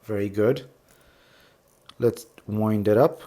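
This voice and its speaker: A man's voice: lowish voice, slow pace, mellow. Enthusiastic man unboxing watches. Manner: enthusiastic, rambling, gushes over details. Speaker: watch reviewer, channel host. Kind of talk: casual unboxing vlog.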